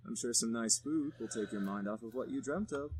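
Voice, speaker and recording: A man playing a polite, caring young gentleman who speaks courteously and gently. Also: medium pitch, fairly quick, a little hiss or hum, close to an everyday voice.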